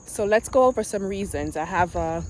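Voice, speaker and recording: A Jamaican-born woman in her forties vlogs casually to a handheld camera on a quiet street, speaking earnestly and reflectively with pauses and restarts. Her mid-range voice is animated. Insects and passing vehicles fill the outdoor background.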